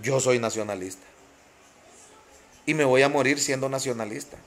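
A man's voice: medium pitch, moderate pace. A man with a Honduran accent ranting passionately on a live stream, greeting viewers by name and repeating phrases for emphasis. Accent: Honduran Spanish.

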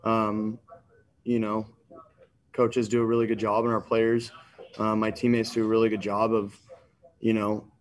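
A young quarterback speaks in a low, flat, subdued voice over a desk mic on a video call. He fills his answers with ums and the same stock phrases. It is a postgame press conference. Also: a little slow, long pauses. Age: 20s. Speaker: football quarterback. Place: indoors in front of a sponsor backdrop.

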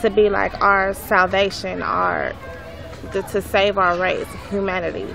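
A woman interviewing off camera in a park, asking short, halting questions. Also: medium pitch, little pitch movement, creaky. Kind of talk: street interview. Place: outdoor city park, behind the camera. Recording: outdoor mic with crowd noise.

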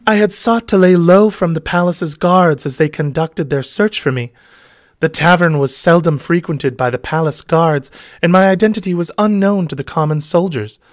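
A man puts on the voice of a sultry noblewoman in a mock-sultry mood, speaking at a moderate pace in a fairly high register. The pitch sits above his own natural voice yet stays close to an everyday one. The recording is studio quality with no echo.

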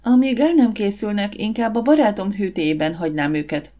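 A woman's voice: medium pitch, dark tone, close to an everyday voice. A woman voicing a bashful young sculptor. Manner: bashful, earnest. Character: shy young male kitchen worker and sculptor.

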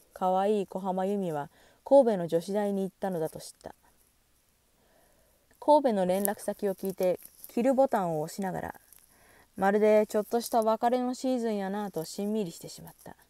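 A woman calmly reading a novel aloud in measured scripted narration, recorded close to the mic. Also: mid-range voice, no echo. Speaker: audiobook reader.

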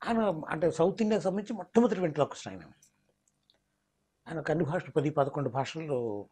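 A man's voice: fairly high pitch, fast, dark tone, slightly rough. A mimicry artist, explaining his craft in an interview and slipping into demonstration voices. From Telangana, India.

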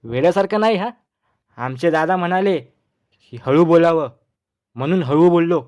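A man's voice: on the high side, darkish tone, natural voice. A man voicing a foolish, boastful village son-in-law in a comic storybook reading. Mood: smug. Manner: naive and boastful, chattering in quick bursts.

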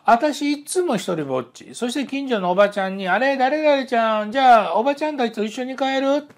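A man's voice: very high-pitched, lively intonation, fairly quick, pitched above the performer's own voice. A man acting out an adult woman client who tells of a lonely childhood, in a chatty, confiding way.

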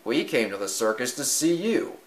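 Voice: mid-range voice, sing-song, moderate pace, lightly acted. A storybook reader voicing a plain-spoken, reassuring father mouse in a near-ordinary voice.

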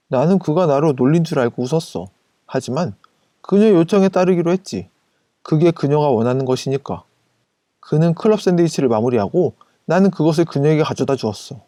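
A man narrating a first-person anecdote as scripted storytelling, in an even, casual retelling style. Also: on the high side, dry recording, clean studio sound.

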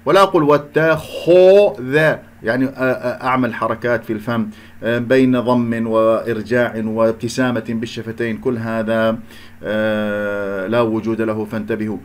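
A man teaching Quran recitation, explaining each letter and recitation rule and drawing out slow chanted examples, with an Iraqi accent. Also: fairly low pitch, flat delivery.

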